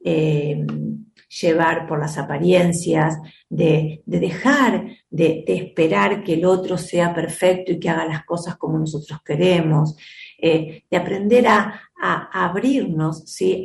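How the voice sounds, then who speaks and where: A woman's voice: fairly low pitch, slow, vocal fry, a little hiss or hum. Reflective Argentine woman host, echoey room. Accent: Argentine Spanish. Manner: reflective, teacherly, often checks in with listeners. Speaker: host and teacher of a self-help method. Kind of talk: advice program talk to listeners.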